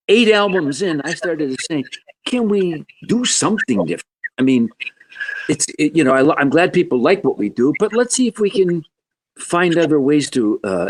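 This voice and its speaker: A man in his seventies, a guest musician telling stories in a podcast interview in an animated, joking way. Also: moderate pace. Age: 70s. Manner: animated, joking, wide swings in pitch.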